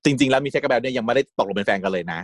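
A man's voice: mid-range voice, racing, dry recording, studio quality. Chatty man recapping a show. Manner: chatty, giggles often, acts out quotes. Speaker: series recap host. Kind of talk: casual storytelling recap.

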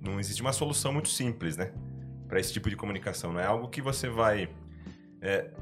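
A man, a guest in a casual podcast discussion. He reflects out loud and poses rhetorical questions to himself. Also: lowish voice.

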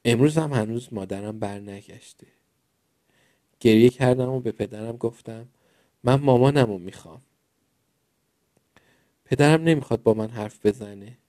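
A storyteller reads children's stories in a gentle, expressive voice of medium pitch with a mellow, dark tone. He is recorded up close in a dry room with no echo.

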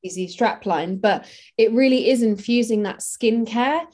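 A woman's voice: fairly high pitch, unhurried, a little mellow. A woman, a makeup artist, talking casually and practically in an interview, with many fillers.

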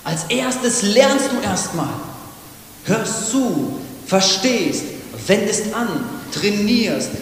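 Impassioned preacher in an echoey hall. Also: male voice, high voice, expressive, drawn-out words. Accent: northern German. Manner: impassioned preaching that swings between loud urging and hushed, soft passages. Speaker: pastor. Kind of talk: sermon. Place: church hall. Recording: echoey reverberant church hall with faint noise.

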